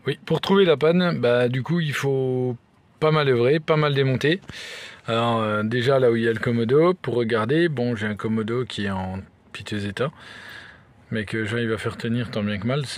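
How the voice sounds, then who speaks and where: A young adult man with a mid-range voice speaks at a moderate pace, chatting casually and wryly in a colloquial vlog. He records on a handheld phone held at arm's length.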